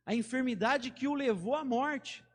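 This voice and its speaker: A man with a Brazilian Portuguese accent preaches a sermon as pastor in a church sanctuary, his voice extremely high-pitched and his pace normal. He talks conversationally, weaving in stories and casual slang, and the recording has a big-room sound.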